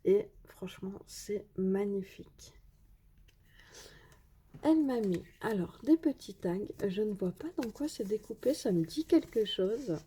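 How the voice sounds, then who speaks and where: A woman talks casually through an unboxing of craft supplies, pausing often with little fillers. Her voice is soft and breathy, in an even middle register. She keeps heaping praise on each piece she shows. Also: mid-range voice. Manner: hesitant, many fillers, enthusiastic praise. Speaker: craft vlogger.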